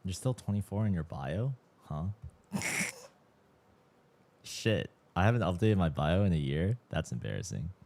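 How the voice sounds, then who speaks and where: A man's voice: sits low, sing-song, measured pace, vocal fry, pauses often, a little mellow. A man in his mid twenties, chatting casually as a livestream host, slangy and swearing freely, sounding tired. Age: 20s. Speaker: streamer.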